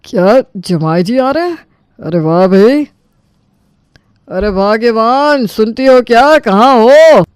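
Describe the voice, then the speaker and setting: An excited older father-in-law shouts for his wife in a cartoon story, as a woman plays him. His voice has a middle pitch and sounds dry and close. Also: unhurried, no room sound. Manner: calling out loudly, delighted.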